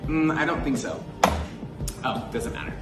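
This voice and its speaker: A man playing a bubbly, flamboyant young male intern in a comedy sketch, loud and gushing. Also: a little high, moderate pace, lightly acted. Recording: loud music behind.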